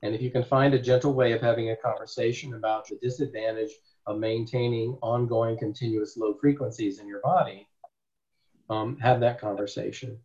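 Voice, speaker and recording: A male therapist teaches a group in a loose, rambling way, leaning hard on his points and tossing out rhetorical questions. His voice sits at a middle pitch. The recording is dull and lo-fi. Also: steady tone, brisk, darkish tone. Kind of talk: informal teaching talk.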